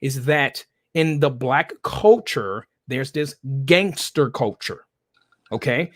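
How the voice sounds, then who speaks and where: Lively lecturing man, keeps asking "okay?". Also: medium pitch, takes it slowly, slight background noise. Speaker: guest commentator. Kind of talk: heated political discussion.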